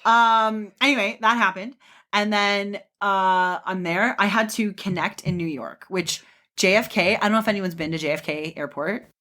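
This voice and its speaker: A woman's voice: mid-range voice, moderate pace. A woman co-hosting a podcast, telling a long personal story in casual chat and acting out the voices of people in it. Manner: animated storyteller, acts out quoted voices. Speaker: podcast co-host.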